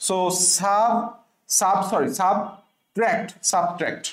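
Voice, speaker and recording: A tutor with a Bangladeshi Bengali accent giving an online revision lecture, spelling words out slowly letter by letter, repeating them, and asking the class questions before answering them. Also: mid-range voice. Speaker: admission exam tutor. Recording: echoey room.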